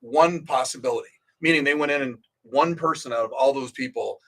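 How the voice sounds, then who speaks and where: A man's voice: medium pitch, fairly quick, fairly bright tone. A man co-hosting a real estate radio show, giving advice in an emphatic, casual way and often repeating words as he starts a sentence. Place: radio studio.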